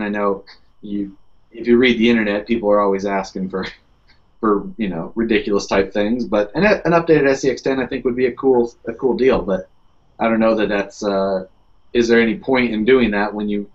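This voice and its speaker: A man hosting a podcast talks in a lowish voice, rambling and leaning on "you know" as he restarts his sentences. The audio is dull and muffled, like a lo-fi podcast recording. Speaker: podcast host. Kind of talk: casual chat.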